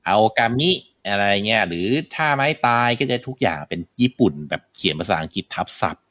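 A man's voice: fairly low pitch, animated, fairly quick, a bit bright, no room sound. A man hosting a casual talk about video games, rambling with many fillers and restarts. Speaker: game podcast host. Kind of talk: casual game discussion.

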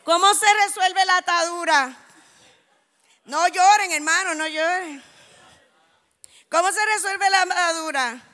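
A woman preaching a sermon, telling lively anecdotes and acting out the dialogue. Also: very high voice, a little slow, pauses often. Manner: animated storytelling, acts out dialogue. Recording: echoey hall.

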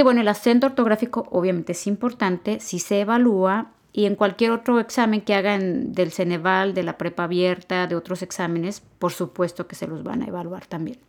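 A woman's voice: medium pitch, darkish tone. A woman giving a podcast grammar lesson, patiently explaining and repeating key points. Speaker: Spanish teacher.

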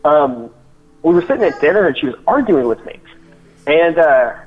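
A man's voice: a little high, very animated, moderate pace, faint music behind. A young man and father, chatting casually on a podcast in a laid-back way, full of "dude" and "like". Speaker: podcast co-host. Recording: dull lo-fi sound.

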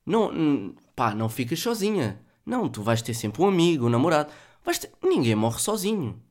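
A man's voice: on the high side, big pitch swings, normal speed, a little mellow. A man with a European Portuguese accent hosting a solo podcast, thinking aloud in a joking, profane, casual way. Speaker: podcast host.

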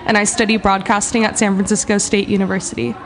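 A woman's voice: medium pitch, fast. A woman, hosting a student radio talk show in a casual, chatty way in a studio. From Southern California. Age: 20s. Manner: relaxed, chatty, says "like" often.

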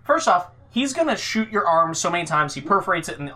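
A man hosting a podcast, chatting enthusiastically and telling a quick story to his co-host. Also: high-pitched, very animated, sharp tone. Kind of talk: casual banter.

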